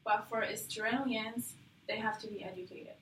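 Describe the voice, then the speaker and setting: A woman student chatting casually in a class discussion, speaking in short, relaxed phrases. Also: a little high, normal speed. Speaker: student in a research session. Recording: echoey room with faint noise.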